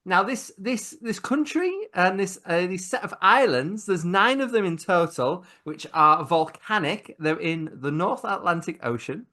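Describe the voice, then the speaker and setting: The host of an informal video-call cooking chat is talkative and self-deprecating, laughing frequently. His high-pitched, sharp voice is expressive and unhurried, yet he barely pauses.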